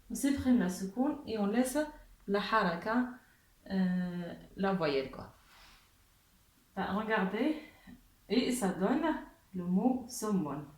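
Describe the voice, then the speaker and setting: A woman gives a beginner language lesson at a very unhurried pace, repeating each sound slowly and cheering her learners on. Her pitch sits in a middle range. The recording carries a noticeable room echo. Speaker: Arabic teacher.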